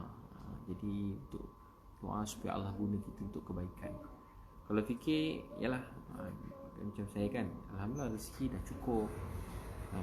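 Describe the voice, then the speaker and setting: A Malaysian man with a Malay accent gives a casual religious talk on a livestream, repeating phrases and rising to loud, emphatic exhortations. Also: lowish voice, background noise. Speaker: preacher. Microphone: phone.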